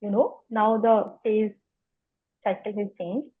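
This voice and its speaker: Speaking slowly in a steady, medium-pitched voice, a woman from India answers a conversational interview as a guest. She stammers, repeating sounds and words. The sound quality is phone-like.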